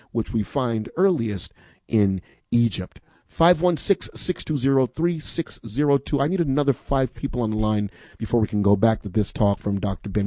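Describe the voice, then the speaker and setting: A radio pledge drive host makes a forceful, persuasive plea, asking rhetorical questions and repeating the phone number again and again. His voice is dark, mellow and medium in pitch, recorded close and dry in a studio.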